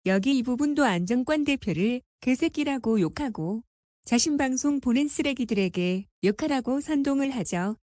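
A woman's voice: sits high, animated, moderate pace, darkish tone, no room sound, clean studio sound. A woman reading scripted voice-over commentary in a scornful, mocking tone. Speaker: commentary narrator.

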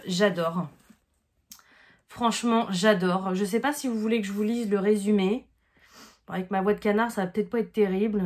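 A woman in her thirties unboxing gifts in a casual vlog, gushing with delight and thanking people over and over. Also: on the high side. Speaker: vlogger unboxing gifts from subscribers. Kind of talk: casual chat.

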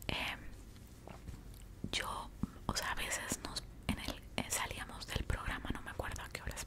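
A young woman with a Mexican accent whispers a casual ASMR storytime while chewing gum, close to a desktop microphone. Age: young adult. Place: small indoor room. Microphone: large desktop microphone up close.

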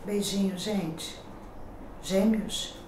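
Speaking very slowly in a mid-range voice with fairly even intonation, this woman reads the day's horoscopes to camera, naming each sign and offering chatty warnings and advice. She is a middle-aged tarot reader from Brazil with a Rio accent, seated at a table with cards in a pink-walled room that sounds echoey, with faint noise.

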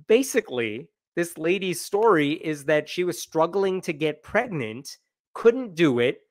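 Male host in his forties, casual livestream commentary, sarcastic and animated, dry small room. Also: on the high side, dry recording. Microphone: wired earbuds with dangling mic and desk mic.

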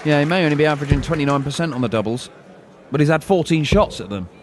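A man commentating live on a darts match, calling the play with measured analysis. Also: on the high side. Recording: loud arena crowd and noise behind.

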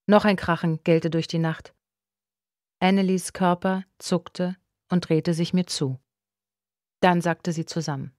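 A woman with a lowish voice narrates a thriller audiobook in a hushed, tense first-person telling. The recording is close and dry, with no room sound around her. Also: no echo.

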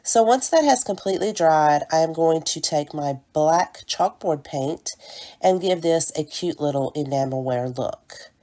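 A woman's voice: low voice, animated, measured pace. A woman narrating a home decor craft tutorial step by step, sounding stuffy from a cold, with friendly asides to her viewers. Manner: gentle step-by-step explaining, chatty asides to viewers. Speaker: DIY home decor creator.

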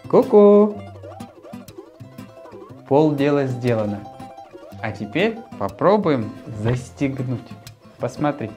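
A man in his thirties presenting to a young child as a children's show host, speaking in a friendly, simple and deliberate way into a lapel mic. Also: medium pitch, big pitch swings, a little mellow, soft background music. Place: small furnished room, later a martial arts hall.

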